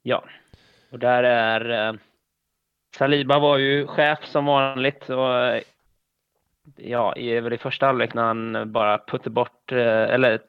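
A man co-hosting a football podcast, analysing calmly and hesitantly over a headset. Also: medium pitch, pauses often, smooth, dry recording. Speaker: podcast co-host. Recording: dull lo-fi headset sound.

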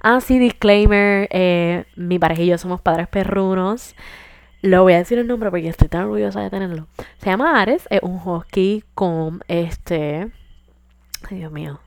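A woman, hosting a podcast in casual chat, animated and joking, slipping into English asides. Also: on the low side, measured pace, clear, resonant tone, dry recording. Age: 20s. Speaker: podcast host.

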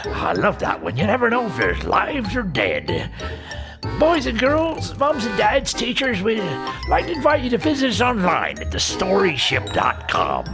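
A podcast host closing the show in a playful way, dropping pirate-style "arr" growls between lines. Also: medium pitch. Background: loud jingle music.

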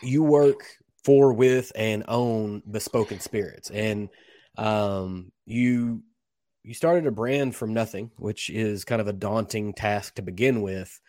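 Low-voiced man hosting a dry-sounding interview. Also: takes it slowly, a little mellow, no room sound. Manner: discursive, illustrates points with stories and quotes. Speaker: podcast interviewer, host. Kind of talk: conversational interview.

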